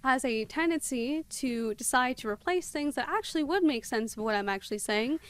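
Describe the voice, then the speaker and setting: A woman streaming a game live, talking extremely fast and chatting with viewers as she plays. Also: high voice, animated, a bit bright, a little hiss or hum. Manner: chatty, greets viewers by name. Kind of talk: live gameplay commentary.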